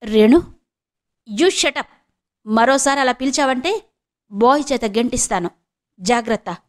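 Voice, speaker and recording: A woman's voice: on the high side, expressive, normal speed, close to an everyday voice. A woman reading the lines of a proud, bitter middle-aged woman who speaks sharply and scornfully to her ex-husband. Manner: sharp and scornful, snapping out short questions.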